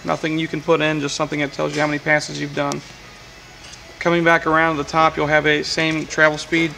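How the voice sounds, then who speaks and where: A man with a somewhat high, gravelly voice explains a control panel step by step, matter-of-fact and flat in tone. He speaks in a workshop with faint machine-shop noise behind him, picked up by a camera mic. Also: rough recording. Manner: plain, matter-of-fact explaining with frequent uh fillers. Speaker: welding equipment technician. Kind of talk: hands-on equipment demonstration. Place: workshop beside a welding machine.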